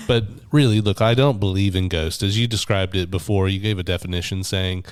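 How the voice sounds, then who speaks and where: A man in his forties with a deep, clear, resonant voice co-hosts a casual faith podcast, where he is a minister. Getting over the flu, which has made his voice deeper than usual, he tells a story thoughtfully, with frequent restarts.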